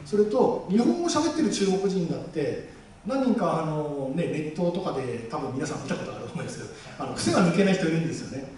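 Animated man speaking in an echoey hall. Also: on the high side, fast, slight background noise. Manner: animated, jokey, acts out quoted voices. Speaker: guest speaker at a campaign rally. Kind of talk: public speech to a live audience. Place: large public hall. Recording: echoey hall, mic far off.

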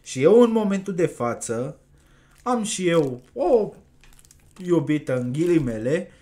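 A man's voice: fairly high pitch, big pitch swings, warm tone. A man being interviewed, speaking bluntly and confessionally about his own life. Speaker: guest. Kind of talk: candid interview talk.

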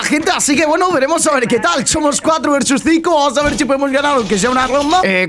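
A young male streamer with a notably high-pitched voice and a Castilian Spanish accent. He talks casually over his gameplay, explaining and reacting as he goes. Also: a bit bright. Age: young adult. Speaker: gaming streamer.

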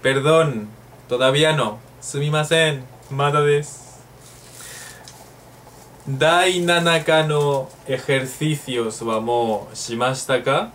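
A man from Spain teaching a casual online Japanese lesson, joking and chatty, often adding quick tag questions. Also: mid-range voice, fairly even intonation, fairly bright tone. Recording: voice a bit far from the mic, faint room noise.

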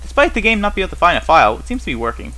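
A very animated man with a high, sharp voice talks very fast. As host of a gaming series, he offers casual, unscripted commentary on gameplay, rambling, thinking aloud and posing wry, puzzled questions to himself.

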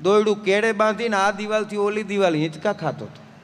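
A man's voice: sits high, fairly quick, a bit bright, a little hiss or hum. A man telling humorous folk stories on a live stage, chatty and anecdotal, slipping into folk song. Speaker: folk storyteller and singer. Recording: live stage with long reverb and faint instruments.

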